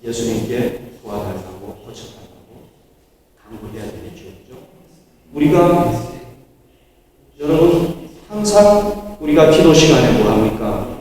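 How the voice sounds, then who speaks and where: A man's voice: medium pitch, very animated, unhurried, pauses often, warm tone. Man preaching in an echoey church. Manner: storytelling, rising to emphatic exhortation. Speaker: pastor. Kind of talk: sermon. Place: church sanctuary. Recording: echoey hall, picked up from far off.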